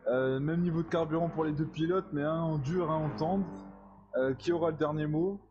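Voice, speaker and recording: A man's voice: a little high, moderate pace. Male racing commentator, dull noisy sound. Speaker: motorsport commentator. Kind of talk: live sim racing analysis commentary. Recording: dull lo-fi sound, clear noise.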